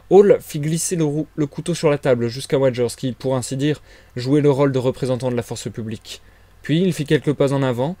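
Male reader for a live novel reading, steady narration, dry close mic sound. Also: mid-range voice, no echo. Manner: steady storytelling delivery.

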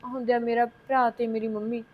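A woman's voice: a little high, little pitch movement, brisk, lo-fi sound, lightly acted. A young woman playing a spoiled newlywed wife who whines and complains about her in-laws. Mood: scheming. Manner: whining, complaining, quarrelsome. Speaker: actor in a short film. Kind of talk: village short-film acting.

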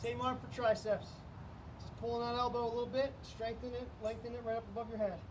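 This is a fast-talking fitness instructor with a high voice coaching a live online workout. He energetically shouts out counts and cues, recorded on a distant mic with faint noise in the background.

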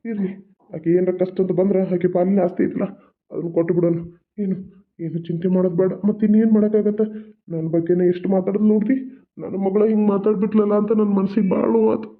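A man voices a cartoon father who calmly comforts his crying wife. The voice sits high for a man. The audio is thin and tinny, like a phone line. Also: fast, natural voice. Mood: consoling. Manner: soothing, reassuring. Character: calm consoling father, resigned.

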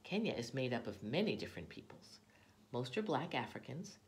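A woman reading a children's picture book aloud, telling the story in an expressive, animated way. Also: rumbling low, brisk. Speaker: storybook reader.

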